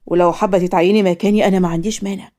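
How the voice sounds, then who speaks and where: A woman voicing a kind, modest young man who speaks gently and teasingly with an Egyptian accent in a cartoon story. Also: on the low side, fairly even intonation, rapid-fire, pitched below the performer's own voice, natural voice. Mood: gentle.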